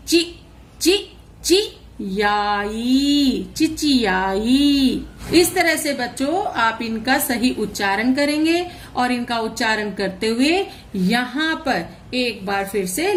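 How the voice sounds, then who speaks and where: A woman teacher records a lesson for young children, talking slowly and patiently. She breaks words down sound by sound and says each one clearly for her pupils. Her voice sits a little on the high side. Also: lively intonation, slight background noise. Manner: slow, careful, spells out syllables for children. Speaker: school teacher. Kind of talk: online class lesson, reading aloud slowly.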